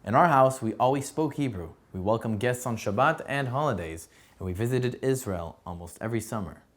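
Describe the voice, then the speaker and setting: A young man from San Diego reads his own testimony aloud at a steady pace. His voice sits at an ordinary middle pitch, and his delivery is earnest and measured, like a soldier telling his story. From San Diego, USA. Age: young adult. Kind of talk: read personal testimony.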